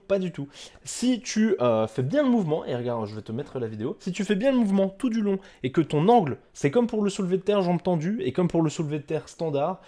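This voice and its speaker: A man's voice: on the high side, mellow. A man, a fitness coach explaining an exercise casually to the viewer, with many fillers and restarts.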